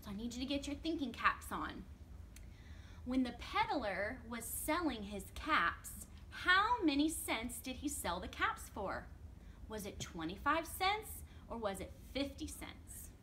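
A woman children's librarian reading a picture book aloud at preschool storytime, slowly and expressively, asking the children questions. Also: a little high, very animated, sharp tone, slight background noise.

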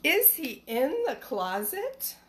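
A middle-aged schoolteacher reads a picture book to young listeners and chats casually during a livestream storytime. She speaks slowly in a fairly high, fairly bright voice with huge pitch swings. She's recorded indoors in a small living room on a phone at arm's length, with some background noise.

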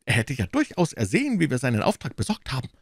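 Anxious storybook innkeeper, pleading, high-pitched, as a male narrator does him. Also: huge pitch swings, fast, dry recording, studio quality. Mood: fretful. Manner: pleading, fretful. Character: anxious, fussy male innkeeper owed money.

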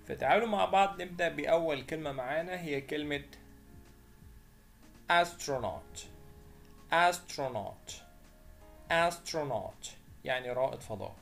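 A man with an Egyptian Arabic accent teaching English vocabulary. He says each word slowly several times, then gives its meaning. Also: on the high side, expressive, vocal fry, a bit bright, faint music behind. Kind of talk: vocabulary lesson voice-over.

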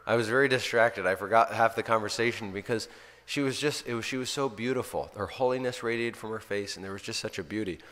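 Man, priest, low voice, earnest storytelling, long hall reverb. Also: fast talker, a bit bright. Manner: earnest, storytelling, often restarts sentences. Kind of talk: informal spiritual talk.

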